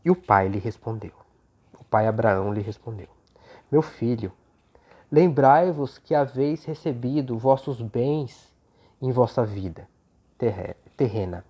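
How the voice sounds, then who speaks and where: A Brazilian speaker leading an unhurried religious talk in short, gently explanatory phrases, with a voice slightly off from recovering from flu. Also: mid-range voice, animated, slightly rough. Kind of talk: prayer and informal religious talk with scripture reading. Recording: dull, lo-fi sound.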